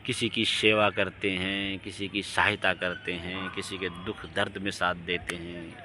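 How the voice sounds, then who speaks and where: A man giving an impassioned, preachy monologue, his voice swinging from emphatic outbursts down to low, quiet lines. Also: flat delivery, a little slow, slight background noise, low-quality recording. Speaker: religious speaker.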